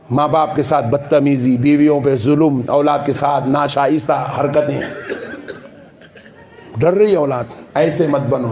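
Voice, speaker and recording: A man preaching a sermon, animated and playful, often mimicking family members for the crowd. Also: on the high side, creaky. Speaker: Islamic preacher.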